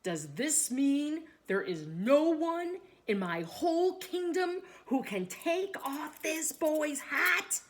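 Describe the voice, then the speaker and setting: A woman's voice: medium pitch, big pitch swings, slow pace, a bit bright. A woman voicing a commanding, blustering king in a children's storybook, with emphatic, projected delivery. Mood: exasperated, commanding. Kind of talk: children's storybook read aloud.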